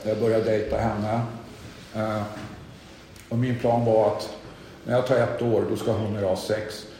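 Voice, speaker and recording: A man's voice: fairly low pitch, flat delivery, mellow, a little hiss or hum. A middle-aged man tells his own recovery story in a candid, self-deprecating way. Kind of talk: personal testimony talk. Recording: echoey hall with audience.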